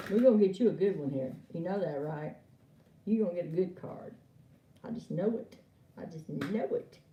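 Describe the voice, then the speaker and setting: A woman chats through an oracle card reading, laughing and calling viewers by name. Her voice sits low and mellow but swings widely, and she takes her time. It sounds like an echoey room with the mic set back from her. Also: recorded from a distance, slight background noise. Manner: chatty, laughs often, talks to viewers by name. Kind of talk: live stream chat with viewers.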